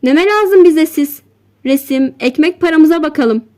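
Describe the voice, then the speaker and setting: Woman reading as old fisherman, blunt short replies, high voice, storybook. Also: a little slow, darkish tone. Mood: matter-of-fact. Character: old male fisherman, gruff and practical.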